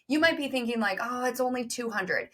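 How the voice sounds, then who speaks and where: A woman's voice: a little high, animated, pushed and bright. Woman on a podcast going hard, emphatic and direct, talks to listeners like she's coaching them. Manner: emphatic, direct, fast-talking, addresses listeners. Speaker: podcast guest, business co-founder. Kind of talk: energetic interview talk.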